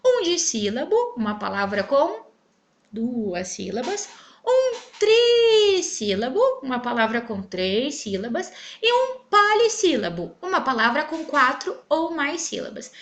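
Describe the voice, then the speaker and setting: Woman teacher with a Brazilian accent, high and animated, clear and emphatic. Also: unhurried. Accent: Brazilian Portuguese. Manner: clear, emphatic, stretches syllables when spelling out words. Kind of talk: online grammar lesson.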